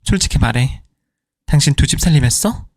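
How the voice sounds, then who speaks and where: A man's voice: mid-range voice, animated, brisk, darkish tone, no room sound, clean studio sound, natural voice. A man voicing a furious middle-aged wife who fires indignant questions at her husband, in a storytelling reading.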